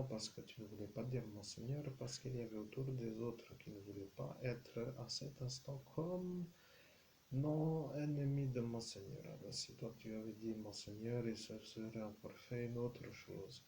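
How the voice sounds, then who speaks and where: A man's voice: medium pitch, a little mellow, a little hiss or hum, low-quality recording. A man speaking as a self-styled medium, delivering a rambling channeled message that drifts between full voice, murmurs and whispers. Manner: meandering, slipping into murmurs and whispers.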